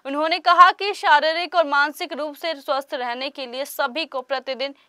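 A woman narrating a news report in a formal, even voice-over. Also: high voice, normal speed, no room sound, clean studio sound.

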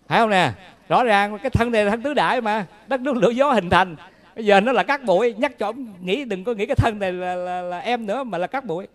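Man, Buddhist monk, Southern Vietnamese accent, dharma talk, homely storytelling, fairly high voice. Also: fast talker. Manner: folksy, humorous, asks the audience questions.

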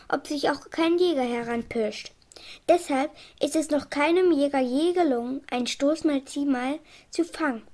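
Woman narrator, children's audiobook, high voice, clear storytelling. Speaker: audiobook reader.

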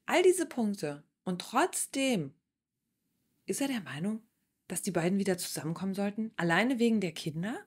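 A woman's voice: mid-range voice, very animated, moderate pace, slightly rough. A woman hosting a reaction video, commenting bluntly and with indignation on a reality show.

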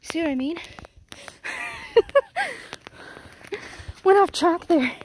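A woman's voice: very high voice, very animated, extremely slow, slight background noise, poor audio. A young woman vlogging as she walks through the woods, out of breath and rambling to her viewers. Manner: rambling, talks to viewers while walking. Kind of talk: walking vlog in the woods. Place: outdoors in woods.

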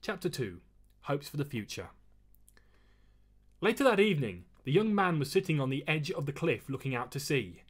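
An author reading his own novel aloud in a measured, expressive storytelling voice. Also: fairly high pitch, slightly rough. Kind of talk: audiobook-style reading.

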